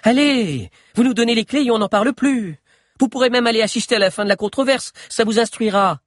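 A man's voice: sits high, lively intonation, moderate pace, darkish tone, dry recording, studio quality, pitched above the performer's own voice. Man doing an anxious, coaxing young minister. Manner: worried, then coaxing.

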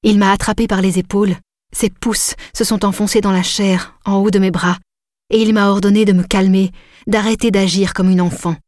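A woman narrating a novel in the first person, in an intimate, measured way. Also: medium pitch, flat delivery, a little mellow, no room sound, clean studio sound. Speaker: audiobook narrator.

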